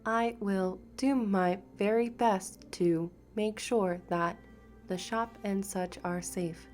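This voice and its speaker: A woman's voice: mid-range voice, fairly even intonation, a little mellow, soft background music, lightly acted. A woman voicing a broken robotic automaton woman. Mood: dutiful. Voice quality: slow, measured robotic speech.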